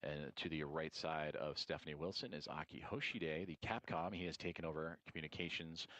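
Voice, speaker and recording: A man with an exceptionally deep voice provides live coverage as a mission control commentator. The sound is dry, with very little room in it. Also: fairly bright tone, dry recording, low-quality recording.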